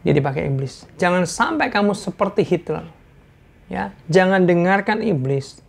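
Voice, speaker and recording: A man giving an informal sermon-style talk, earnest and repetitive for emphasis, asking his audience questions and clearing an irritated throat. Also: sits high, animated, normal speed.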